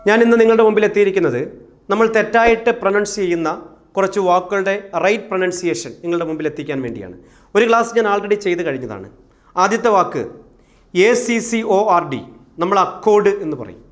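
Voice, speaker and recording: A young man teaching English pronunciation, who spells each word letter by letter and then repeats the correct form slowly and with emphasis. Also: sits high, animated. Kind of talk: classroom-style pronunciation lesson.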